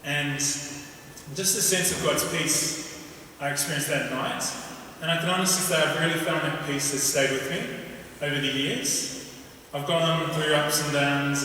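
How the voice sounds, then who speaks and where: A man with a broad New Zealand accent gives a personal testimony to a gathering, his slightly high voice bright and forceful, his delivery informal and a bit halting. He was recorded from a distance in a large, echoey indoor hall with faint noise.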